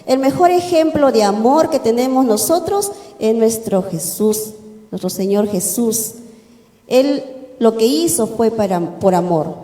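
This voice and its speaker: A woman's voice: on the high side, lively intonation, measured pace, warm tone. A woman, the pastor's wife, earnestly teaching a congregation and quoting scripture. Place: church hall. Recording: echoey church hall with long reverb.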